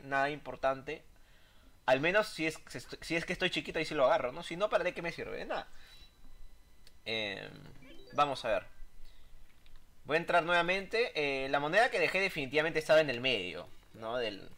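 A man casually commentating his own gameplay, joking, fretting and yelping at surprises. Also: fairly high pitch. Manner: excitable, jokey, yelps at surprises. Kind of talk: casual let's-play commentary. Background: game music.

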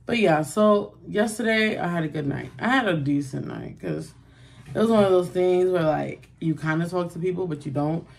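A young woman vlogs casually to camera from home, her lowish, gravelly voice moving at a normal speed. She sounds rushed and out of breath, rambling along with plenty of "like" and "um."

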